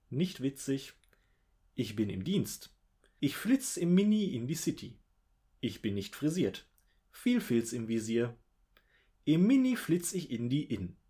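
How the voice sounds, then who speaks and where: A man hosting a literature podcast, reciting playful one-vowel poems with dry humor. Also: slightly rough. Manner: dramatic, wry recitation with lively pitch swings. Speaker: podcast host.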